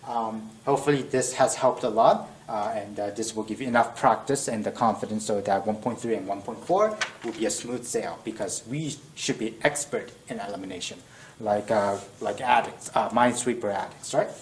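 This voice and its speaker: A young math tutor, voice on the low side and at a normal speed, reasons aloud at a classroom whiteboard in a casual lesson and corrects himself along the way. He sounds strained, close to losing it. The audio comes from a distant camera mic in an echoey room with faint noise.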